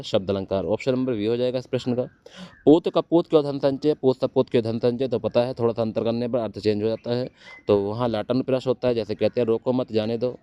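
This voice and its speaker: A man's voice: mid-range voice, warm tone, smooth, highs cut off. A man teaching Hindi for exam prep, quizzing his students and answering his own questions.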